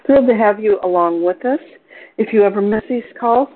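A woman's voice: medium pitch, a little fast. Older woman hosting a tinny phone call. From Portland, Oregon. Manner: cheerful, chatty, with fillers and self-corrections. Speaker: host of a wellness support call. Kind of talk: informal coaching talk on a conference call. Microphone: telephone. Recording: phone-line conference call.

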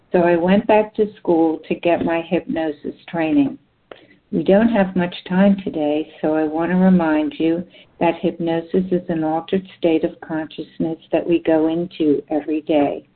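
Slow-paced woman on a phone-like line. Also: fairly low pitch. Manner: soothing, measured, with long pauses between short phrases. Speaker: clinical hypnotherapist. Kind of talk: guided relaxation visualization. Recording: thin phone-like audio.

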